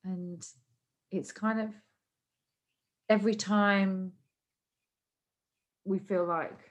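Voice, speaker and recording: A woman's voice: medium pitch, fairly even intonation, extremely slow. A young woman co-hosting a podcast, chatting openly and emotionally, laughing often. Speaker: podcast co-host. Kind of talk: casual chat.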